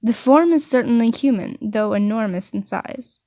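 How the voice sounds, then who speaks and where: A woman's voice: fairly high pitch, normal speed, mellow, no echo. A woman reading a visual novel aloud, with playful asides between narration. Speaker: story reader.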